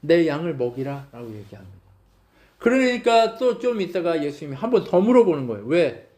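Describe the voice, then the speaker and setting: A male pastor delivers a sermon in a church, his voice a bit high yet warm and mellow. He keeps turning to the congregation with questions and briefly acts out the voices in the story he tells. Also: big pitch swings, brisk. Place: church sanctuary.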